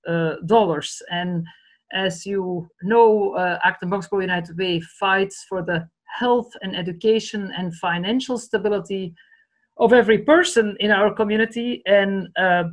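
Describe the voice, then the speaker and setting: A woman's voice: medium pitch, a little slow, rough recording. Belgian woman with a Flemish accent. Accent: Flemish Dutch. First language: Dutch. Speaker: charity director. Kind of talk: video call interview. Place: home study with bookshelves. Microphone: laptop webcam video call.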